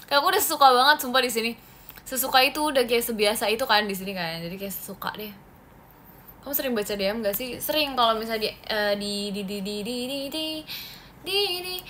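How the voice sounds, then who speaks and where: A woman's voice: fairly high pitch, a little fast, bright, forceful tone, a little hiss or hum. A young woman from Indonesia hosting a casual phone livestream, chatting with viewers, answering comments and laughing often. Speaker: idol livestream host.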